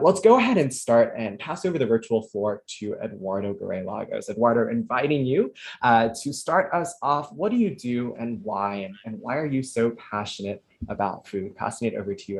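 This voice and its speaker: A man moderating a virtual panel in a measured way, with frequent fillers, over a video call. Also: fairly low pitch.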